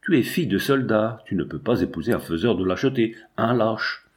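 A man's voice: lowish voice, expressive, brisk, lightly acted. A man reading an anguished, indignant young man.

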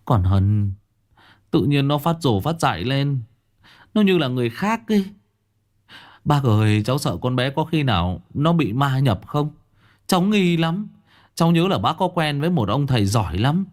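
A man's voice: medium pitch, big pitch swings, moderate pace, darkish tone, voice pushed up, lightly acted. A man voicing a panicked middle-aged father who stammers and begs for help. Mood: pleading. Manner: frantic, stammering, pleading.

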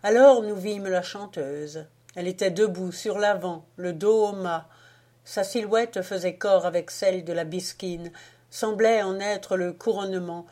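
Brief: woman, low voice, very slow and measured audiobook narration. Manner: measured, expressive reading. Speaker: audiobook reader.

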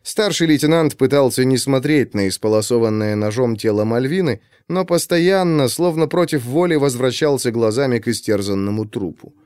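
A man narrating an audiobook in an expressive, measured storytelling manner. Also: mid-range voice, clean tone, dry recording, clean studio sound.

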